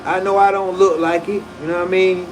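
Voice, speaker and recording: A man in his forties rambling through a casual livestream, his voice sitting a little high for a man. He talks in loose, profane slang, often restarting his sentences mid-thought. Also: level tone, a little fast, slight background noise, poor audio. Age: 40s. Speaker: livestream host.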